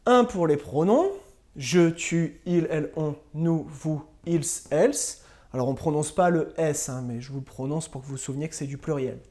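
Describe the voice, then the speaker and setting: A woman teacher giving a slow, patient spelling and grammar lesson to young pupils, spelling words out letter by letter. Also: low voice, mellow. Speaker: primary school teacher.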